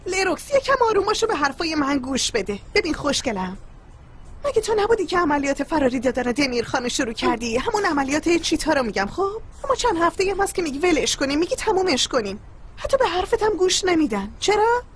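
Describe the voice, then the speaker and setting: A teasing, coaxing best friend. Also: female voice, high-pitched, very animated. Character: caring young woman friend, teasing and bossy.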